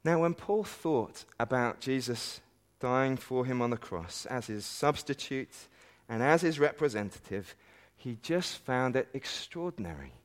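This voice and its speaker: A man's voice: medium pitch, animated, a little slow. A man preaching a sermon at a conference, earnest and emphatic, with light self-deprecating asides. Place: conference meeting hall.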